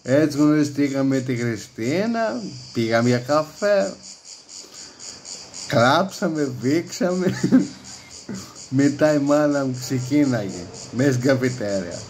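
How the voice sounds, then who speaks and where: A man's voice: medium pitch, expressive, pauses often, darkish tone, a little hiss or hum, rough recording. A man rambling in a casual monologue, acting out quoted dialogue in raised voices. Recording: music playing behind the voice.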